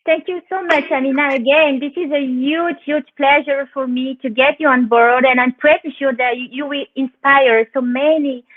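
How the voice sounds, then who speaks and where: A woman's voice: high voice, fairly even intonation, normal speed, few pauses, no echo. A woman with a French accent hosting a live online interview in English, often repeating words as she searches for them. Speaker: interview host. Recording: tinny phone line, dry.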